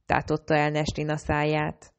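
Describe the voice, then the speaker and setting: A woman with a fairly low voice reads an audiobook aloud. She keeps an even storytelling delivery and only lightly shades the characters' lines. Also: smooth. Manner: reads all characters in a lightly varied own voice. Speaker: audiobook narrator. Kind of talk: audiobook narration.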